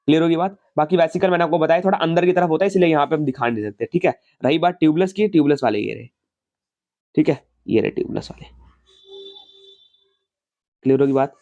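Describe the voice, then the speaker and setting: A man's voice: fairly high pitch, fast, long pauses, mellow, dull audio. A man teaching a science class in a casual, chatty way, asking questions and answering them himself and explaining with homely family stories.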